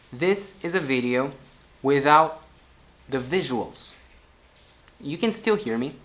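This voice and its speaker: A man teaching a public speaking lesson, animated and expressive, swinging his pitch and loudness to demonstrate points. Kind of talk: energetic video lesson.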